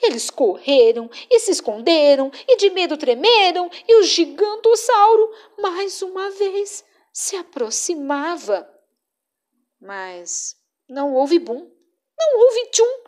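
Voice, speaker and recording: Woman, children's storyteller, expressive sing-song delivery, bright high pitch with wide swings. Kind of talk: reading a picture book aloud.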